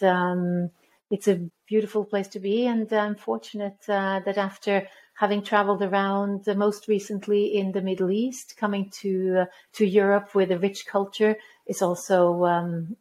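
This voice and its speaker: This woman, a Norwegian school head in her fifties, responds to interview questions with measured care, full of ums and restarts. She has a warm, mid-range voice.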